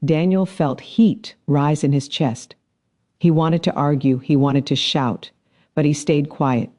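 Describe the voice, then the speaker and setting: A man narrating a science fiction story in a measured, dramatic storytelling manner. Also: fairly high pitch, steady tone, darkish tone. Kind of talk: scripted narration.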